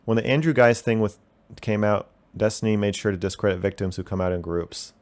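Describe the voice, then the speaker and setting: Young male streamer, lowish voice, defensive and profane, talks in loose rambling bursts. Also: a little fast, a little mellow. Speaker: call-in show host reading chat. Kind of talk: casual livestream chat.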